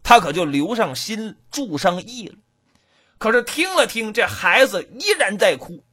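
A man telling a folk tale in an animated, rhythmic oral storytelling style. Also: high-pitched, a little slow, slightly rough.

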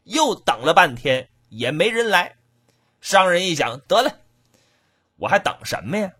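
A man telling a folk tale in an animated, rhythmic oral storytelling style. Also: high-pitched, a little slow, slightly rough.

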